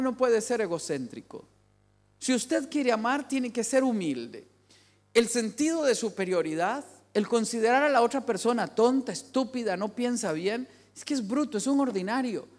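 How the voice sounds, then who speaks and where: A man's voice: sits high, a little mellow. A man giving an emphatic family sermon in a large church hall, repeating key phrases for weight. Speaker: family speaker.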